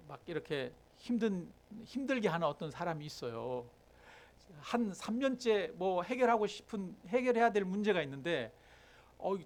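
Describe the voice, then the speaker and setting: A middle-aged male pastor delivers a sermon in a notably high voice. He keeps turning to the congregation with questions, then acts out heated prayers, his voice rising with feeling.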